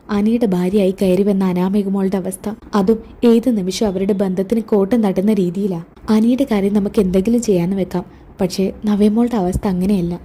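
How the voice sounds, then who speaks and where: A woman's voice: mid-range voice, dark tone, slightly rough, natural voice. A woman voicing a worried, caring older grandmother. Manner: worried, plain-spoken.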